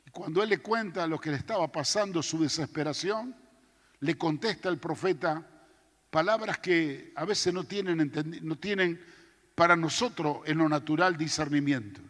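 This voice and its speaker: A man's voice: on the high side, normal speed, fairly bright tone. A man preaching a sermon, dramatically acting out the scripture. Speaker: pastor. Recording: long church hall reverb.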